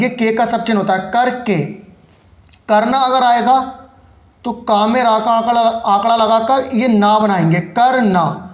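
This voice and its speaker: A man giving a patient step-by-step lesson in shorthand, explaining each stroke as he writes it. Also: very high voice. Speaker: shorthand teacher. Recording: echoey room.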